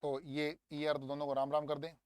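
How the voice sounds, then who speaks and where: A young male teacher coaxes his students through an exam paper, drilling each word out loud. His voice sits fairly high. The recording is dry and close. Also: brisk, clear, resonant tone, no echo. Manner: lively, coaxing, drills words aloud. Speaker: English teacher. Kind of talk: exam paper walkthrough lesson.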